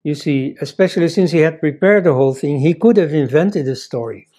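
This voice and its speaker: With a fairly high, warm voice at a slightly fast pace, the older Belgian man talks from his office desk in a lecture style. Dutch is his first language, and he keeps the talk conversational with frequent "you see" remarks.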